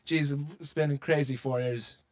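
A man's voice: on the high side, steady tone, moderate pace. Chatty young man with a Cork accent. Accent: Cork Irish. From Ireland. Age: young adult. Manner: chatty, laughs often, trails off with fillers. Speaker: singer being interviewed. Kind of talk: casual interview chat. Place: recording studio lounge, indoors. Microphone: handheld microphone.

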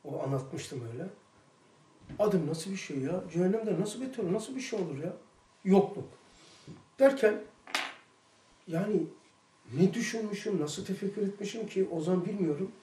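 Animated man teaching in an echoey room. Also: high-pitched, moderate pace, long pauses, slight background noise. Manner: animated storytelling, emphatic outbursts. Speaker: religious study teacher. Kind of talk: religious lesson talk. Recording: echoey room, mic far off.

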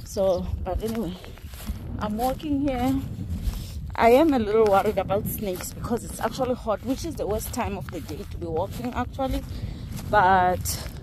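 A middle-aged South African woman vlogs casually while walking her dry, windy farmland, holding her phone at arm's length to film herself. Her mid-range voice is expressive and moves at a normal speed, full of chatty, rambling asides and easy laughter. Outdoor wind and ambient noise come through on the recording.

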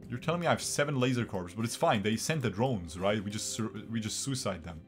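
With a fairly low, animated voice and a quick delivery, this young Swiss-raised Bosnian narrates his strategy game live from a small room, speaking into a desk microphone. Faint music sits in the background as he chats with viewers, often saying things twice.

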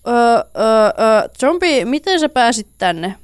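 A woman's voice: a little high, big pitch swings, smooth, no echo, studio quality. A woman giving casual, playful commentary while playing a building game, chatting to the characters on screen. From Finland. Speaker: let's play gamer.

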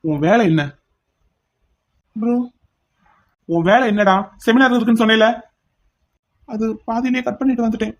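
An actor doing a deep stern older brother. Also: normal speed, pauses often, natural voice. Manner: scolding, firm.

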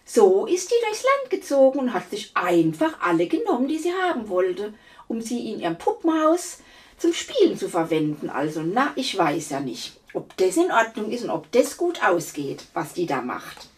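A woman reading a fairy tale aloud to children in an expressive way, talking to her listeners directly. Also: medium pitch, moderate pace, distant mic. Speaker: storyteller.

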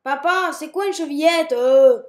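A man's voice: very high-pitched, a little slow, roomy sound, voice pushed up. A man doing a nagging little kid. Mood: insistent. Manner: repetitive, insistent. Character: nagging small child asking daddy.

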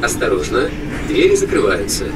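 A man's voice: mid-range voice, sing-song, moderate pace, very noisy. A man making formal recorded metro announcements, played over a train's intercom. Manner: formal, evenly spaced announcing. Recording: distant intercom voice under loud music.

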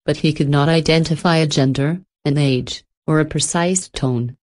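A woman with a low voice reads a scripted horror story. She tells it in a steady, measured way, with clear phrasing from line to line. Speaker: narrator.

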